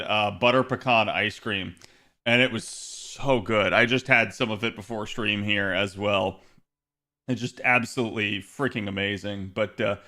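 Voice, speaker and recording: A game streamer chats with viewers during a casual live stream from home. His fairly low voice is bright and forward but hoarse and slightly raspy. He rambles and corrects himself, with many fillers and restarts.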